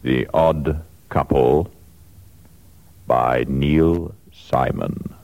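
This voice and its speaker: A man announcing a play title in a disguised, very deep voice, drawn out in mock-dramatic style. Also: steady tone, drawn-out words, a little mellow, full character voice. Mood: solemn. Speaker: comedy panel game contestant.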